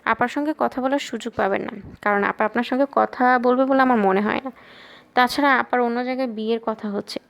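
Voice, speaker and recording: A woman's voice: on the high side, fairly even intonation, fairly quick, gravelly. A woman reading the lines of a frank, questioning teenage girl in an audiobook. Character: blunt teenage girl, sharp and protective.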